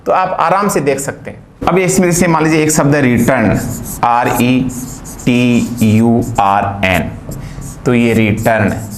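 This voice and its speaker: A man's voice: medium pitch, moderate pace, slight background noise. A man from India teaching a phonetics lesson, explaining patiently and spelling out words sound by sound. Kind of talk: phonetics lecture.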